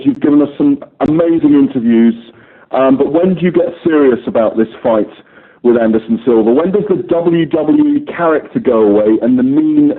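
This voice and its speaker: Guy reporter on a conference call, long pushy questions, phone quality sound. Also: medium pitch. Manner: wordy, persistent. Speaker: sports journalist. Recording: narrow telephone line.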